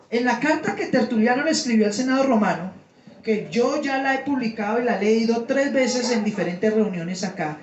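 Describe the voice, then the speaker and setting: A man's voice: sits high, darkish tone, muffled recording, a little hiss or hum. Preaching man, heard from afar in a room. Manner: explanatory, asks the congregation questions. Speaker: pastor. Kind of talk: sermon teaching. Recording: roomy sound from a distance.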